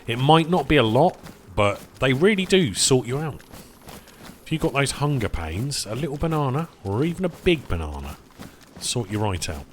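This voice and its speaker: A man with a mid-range, sing-song voice chats casually with his viewers at a moderate pace while streaming a game, with slight background noise. He rambles between topics, calls his chat "boys," and eats as he talks, sometimes with his mouth full.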